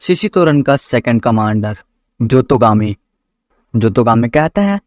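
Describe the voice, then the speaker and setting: A man's voice: mid-range voice, very animated, measured pace, no room sound, clean studio sound. A man narrating an anime episode recap, telling the story step by step and reading out the characters' lines with a lifted voice. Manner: plain storytelling, reads out characters' lines with a raised voice.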